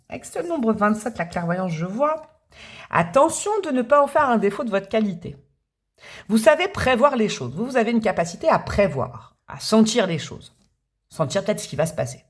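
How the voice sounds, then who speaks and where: A woman's voice: fairly high pitch, sing-song, moderate pace, fairly bright tone, slightly rough. A woman doing a tarot reading for the viewer, chatty and thinking aloud, with restarts and little hummed sounds. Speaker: tarot reader.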